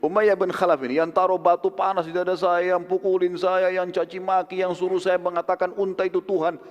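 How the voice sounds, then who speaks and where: A man's voice: mid-range voice, lively intonation, quick pace, muffled recording, natural voice. A male preacher voicing a furious, vengeful former slave in a war story, pushing his demands hard, in a hall with long reverb. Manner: insistent, shouting demands.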